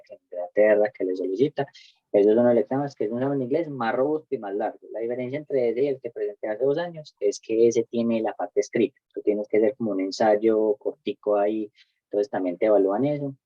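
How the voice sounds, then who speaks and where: A man's voice: on the low side, dry recording, lo-fi sound. Patient man teaching English. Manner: patient, explains step by step with many fillers. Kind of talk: one-on-one online English lesson.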